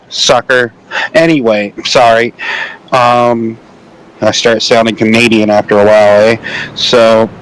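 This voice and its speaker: A man's voice: mid-range voice, low-quality recording. A man giving casual play-by-play commentary on a simulated truck race, rambling and self-deprecating with jokey asides. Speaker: sim racing commentator. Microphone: home microphone, online call.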